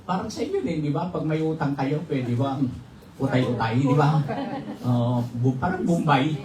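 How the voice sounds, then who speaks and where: A man's voice: on the high side, moderate pace, noisy background. A Filipino man, a pastor, giving a humorous testimony in a sermon to his congregation. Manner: jokes and laughs with the congregation. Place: church hall. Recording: roomy, distant mic, faint ambience.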